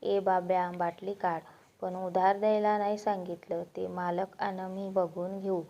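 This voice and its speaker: A woman's voice: fairly low pitch, little pitch movement, measured pace, mellow. A woman voicing a boastful, drunken village man who bullies and swaggers, in a storybook reading. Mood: swaggering. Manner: bullying, slurred bravado. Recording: dull lo-fi recording.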